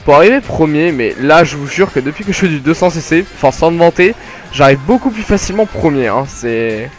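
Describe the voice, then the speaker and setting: Joking young French gamer over game music. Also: male voice, fairly high pitch, a little fast. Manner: jokey, rambling, self-mocking, bursts of excited yelling. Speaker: gaming commentator. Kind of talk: casual let's play commentary.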